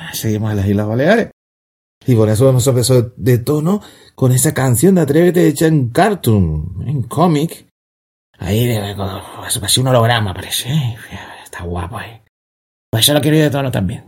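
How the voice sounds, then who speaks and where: A man hosting a podcast in loose, rambling chat. His voice sits at a middle pitch and rings through a roomy space with a long reverb tail. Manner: chatty, sings along off-key. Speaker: podcast host. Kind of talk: casual chat. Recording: echoey room with long reverb.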